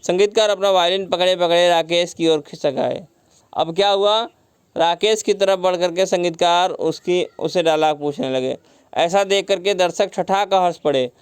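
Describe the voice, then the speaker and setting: In a clear, resonant high voice at moderate speed, free of echo, a man works through a story line by line. He explains vocabulary with easy synonyms and weaves English words into the lesson.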